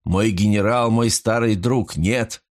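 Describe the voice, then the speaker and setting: A man voicing a calculating ruling father who argues in measured, persuasive speech. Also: fairly low pitch.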